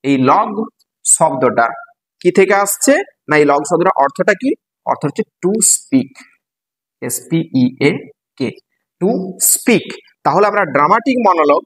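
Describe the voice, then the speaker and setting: Male teacher, Bengali accent, husky and slightly high voice, patient classroom explainer who spells terms out. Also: fairly bright tone, poor audio. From West Bengal. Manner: spells words letter by letter, asks students questions. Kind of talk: explaining a poem to students.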